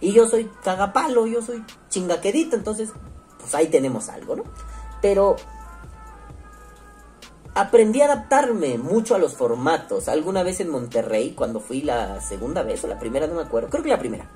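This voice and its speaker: A man's voice: high voice, sing-song, normal speed, dark tone. Chilango guy rambling to his viewers, tons of slang and swearing, does little voices for quotes, faint music behind. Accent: Mexico City Spanish. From Mexico City. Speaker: online show host reading comments. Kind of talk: casual profane monologue.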